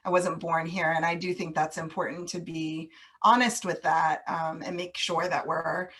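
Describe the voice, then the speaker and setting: Her low, slightly rough voice moves at normal speed with fairly even intonation. Raised on US military bases abroad, this interview guest reflects warmly on that childhood, laughing readily as she goes.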